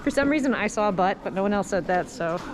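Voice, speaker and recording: A woman's voice: medium pitch, lively intonation, fast, noisy background. A woman giving casual, playful running commentary on a family outing, full of jokey asides. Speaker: vlogger touring with family. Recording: busy tour group chatter around.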